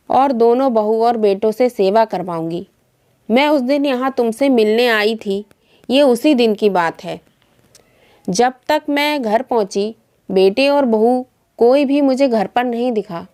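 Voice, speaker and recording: A woman's voice: a little high, takes it slowly, a little mellow. A woman telling a family moral story in the first person, in an earnest and reflective reading.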